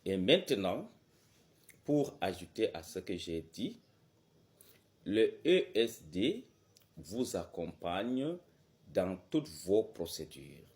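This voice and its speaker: A man promoting a language school and drilling German greetings, repeating phrases slowly and pitching them up for emphasis. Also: sing-song, a little mellow. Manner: slow, repetitive, drills phrases with exaggerated rising pitch. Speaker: German teacher. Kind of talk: promotional talk and German lesson.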